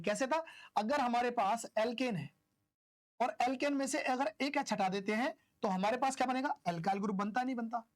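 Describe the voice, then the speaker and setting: A woman teaching an online chemistry class, chatty and informal, who keeps asking questions and answering them herself. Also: a little high. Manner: chatty, asks and answers own questions, homely analogies.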